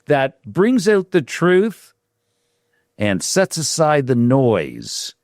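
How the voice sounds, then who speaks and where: Emphatic podcast host, lively pitch. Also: male voice, no room sound, clean studio sound. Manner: emphatic, drawn-out declarations. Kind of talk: podcast interview.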